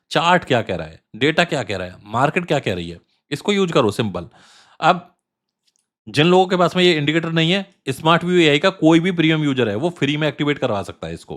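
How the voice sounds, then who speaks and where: Hosting a crypto trading channel, a man casually walks through chart analysis in a slightly high, fairly bright voice. He repeats phrases for emphasis and fills pauses with fillers.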